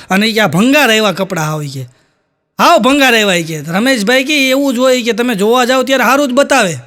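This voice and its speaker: A man telling stand-up jokes, acting out the characters' lines in a higher voice. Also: fairly bright tone. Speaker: stand-up comedian.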